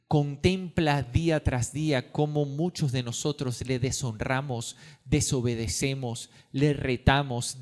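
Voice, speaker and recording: A pastor preaches in a high, ringing male voice. He builds to loud, urgent peaks and then drops to near-hushed lines, pressing his listeners with question after question. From Venezuela. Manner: impassioned, swings between loud and hushed, rhetorical questions. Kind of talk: sermon. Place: church.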